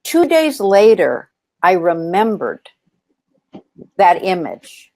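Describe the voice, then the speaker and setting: This woman's voice sits on the low side and is a little mellow, very animated but slow, with no echo. She is the founder of a nonprofit, sharing earnest stories in an interview full of ums and restarts.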